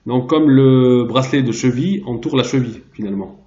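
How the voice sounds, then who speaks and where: A man's voice: medium pitch, a little fast, mellow. Male language teacher, hesitant, word-searching, echoey room, dull lo-fi sound. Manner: hesitant, searching aloud for words. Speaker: Arabic teacher. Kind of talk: commented translation lesson.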